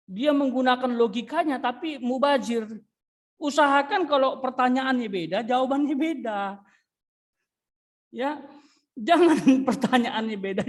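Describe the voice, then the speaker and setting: A man teaching a religion class, scolding students in an exasperated way and dropping English interjections. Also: very high-pitched. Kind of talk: classroom lecture.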